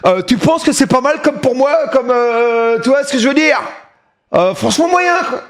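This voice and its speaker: Male live streamer, high voice that leaps around, joking, loud outbursts. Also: lively intonation, moderate pace. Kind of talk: casual live-stream chat.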